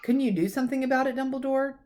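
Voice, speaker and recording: A woman's voice: sits high, quick pace, darkish tone, pitched above the performer's own voice, close to an everyday voice. A woman voicing a stern, proper older witch professor who is anxious and doubting, in a storybook reading. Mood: urgent, scolding.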